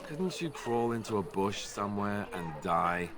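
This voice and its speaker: A man's voice: lowish voice, lively intonation, unhurried, a bit bright. An actor playing a defensive, sardonic young male warrior with a dry, sarcastic delivery in video game dialogue.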